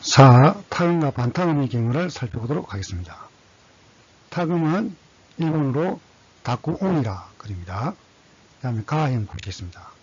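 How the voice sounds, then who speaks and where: A man's voice: medium pitch, very animated, normal speed, husky, highs cut off. A man teaching a language lesson, reading syllables one by one and repeating set phrases. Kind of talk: slow scripted lesson, reading kana aloud.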